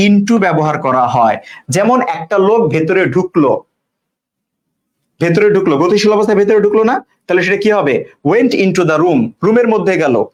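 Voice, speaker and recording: High-voiced man teaching grammar. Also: lively intonation, moderate pace. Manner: repeats key points and quizzes viewers with questions; casual, teasing asides to commenters. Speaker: English teacher. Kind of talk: live online English grammar class.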